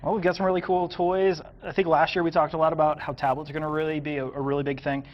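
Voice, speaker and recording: A man's voice: on the high side, flat delivery, quick pace, highs cut off. A man appearing as a guest on a TV news set, enthusiastically explaining tech gadgets with filler words. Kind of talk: casual product demo on a TV news set. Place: TV studio set.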